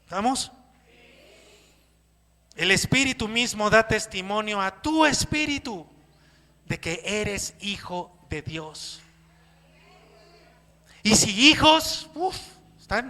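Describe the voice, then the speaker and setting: High, bright-voiced Mexican pastor preaching. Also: male voice, a little slow. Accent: Mexican Spanish. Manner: animated preaching with acted-out quotes and questions to the congregation. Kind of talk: sermon. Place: church hall. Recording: echoey church hall.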